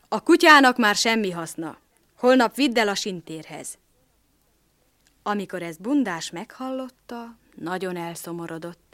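A woman's voice: mid-range voice, dry recording. A woman narrating a storybook tale expressively, sometimes dropping to a whisper.

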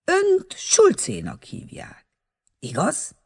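A man's voice: very high voice, wildly swooping pitch, creaky, voice pushed up, heavily acted. A man voicing a friendly young man who speaks courteously and teasingly. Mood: cheerful.

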